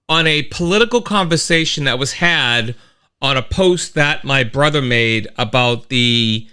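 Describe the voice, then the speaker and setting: Middle-aged male host, animated rambling monologue, slightly high, smooth voice. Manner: animated storyteller, rambling with restarts and sound effects. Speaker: host of a weekly live-stream show. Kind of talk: casual monologue to a live chat.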